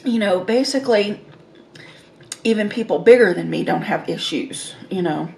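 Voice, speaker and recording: A woman's voice: mid-range voice, moderate pace, creaky, a little mellow, slight background noise. A woman chatting casually as a mukbang host, eating and savoring her food as she talks. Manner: eating while talking, with savoring mms between phrases. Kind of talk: casual eating-show chat.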